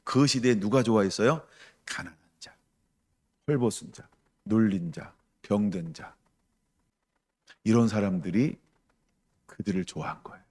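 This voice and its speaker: A man preaching a sermon as pastor, emphatic, asking the congregation questions and acting out quoted voices with loud bursts. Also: fairly low pitch, normal speed, pauses often. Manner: acts out quoted voices with sudden loud outbursts.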